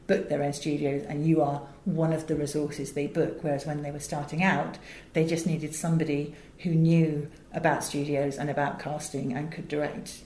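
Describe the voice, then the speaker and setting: A middle-aged woman from England, a guest who works as an audiobook director and producer, talks conversationally in a British accent, full of emphatic storytelling and asides. She speaks at a moderate pace with hardly any pauses, in a low, warm voice with little pitch movement. Roomy echo and faint background noise fill the recording.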